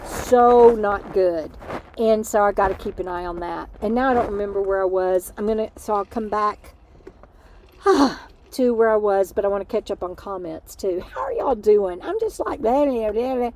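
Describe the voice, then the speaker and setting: A middle-aged woman hosts a casual livestream from inside her RV, her mid-range, slightly mellow voice expressive and at normal speed over faint background noise. She rambles and chats, even talking to her dog mid-stream, tired and losing her voice from lack of sleep.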